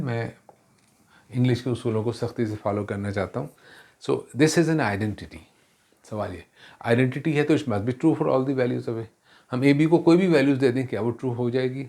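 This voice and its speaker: A man teaches a math lesson at a middle pitch. He mixes in English terms, asks rhetorical questions and corrects himself as he works through each step. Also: darkish tone.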